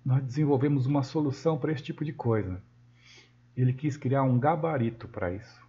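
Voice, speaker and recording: A Brazilian man with a Brazilian Portuguese accent gives a screen-recorded software tutorial, thinking aloud as he works and correcting himself often. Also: medium pitch, brisk. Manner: thinks aloud while working, with frequent self-corrections. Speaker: software instructor. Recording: dull lo-fi sound.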